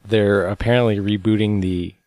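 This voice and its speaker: A man co-hosting a podcast, chatting casually and reading out news with a relaxed, rambling manner and a tired edge. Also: lowish voice, normal speed, no echo. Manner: relaxed, rambling, many fillers. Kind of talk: casual chat.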